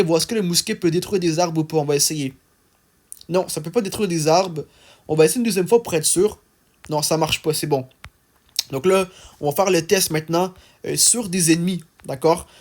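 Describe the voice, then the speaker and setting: A man's voice: fairly high pitch, darkish tone. A young man with an accent giving casual, chatty gameplay commentary, full of fillers and checking in with "d'accord?". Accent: non-standard French accent. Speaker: gaming YouTuber.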